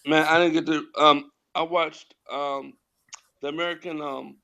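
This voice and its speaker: A man's voice: a little high, steady tone, measured pace, gravelly, bright, forceful tone. A middle-aged man co-hosting a casual podcast chat, laid-back and slangy. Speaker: podcast co-host.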